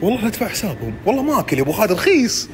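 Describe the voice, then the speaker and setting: A young man talks at a breakneck pace in a loud, teasing comedy bit, piling on oaths. His pitch swings widely from line to line. Restaurant noise hums behind him throughout. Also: very animated, racing. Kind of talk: comedic street banter.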